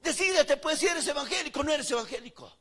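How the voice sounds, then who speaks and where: A man's voice: extremely high pitch, animated, fast, a bit bright, in a large hall, voice pushed up. A man playing a young male friend who teasingly scolds him. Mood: mocking.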